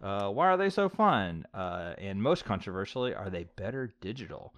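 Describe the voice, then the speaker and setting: A man's voice: fairly low pitch, big pitch swings, normal speed. A middle-aged man hosting a casual board game podcast, chatty and full of fillers. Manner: chatty, lots of likes and fillers. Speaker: podcast host.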